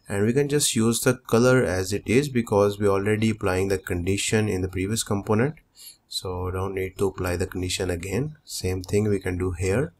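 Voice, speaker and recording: A young man with a lowish voice walks through code in a screen-recorded tutorial. He explains each step in a steady, methodical way. A faint hiss sits under the recording. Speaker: coding tutorial host.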